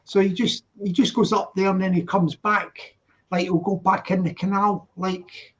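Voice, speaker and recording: A man's voice: high voice, flat delivery, moderate pace. A man talks casually. He is chatty and repeats himself, often agreeing as he goes. The sound is a bit muffled and lo-fi. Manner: chatty, repetitive, full of agreeing interjections. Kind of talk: casual chat. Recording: dull lo-fi live-stream audio.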